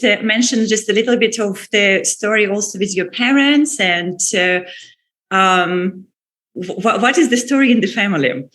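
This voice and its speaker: A woman hosting a podcast, opening with a slow, soft scripted intro and then interviewing a guest. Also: mid-range voice. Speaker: podcast host.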